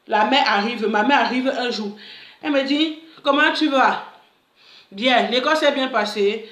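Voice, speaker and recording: A woman's voice: a little high, measured pace, roomy sound. A woman, a life coach, telling a personal story in a casual vlog and acting out the dialogue. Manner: animated, acts out dialogue, many interjections.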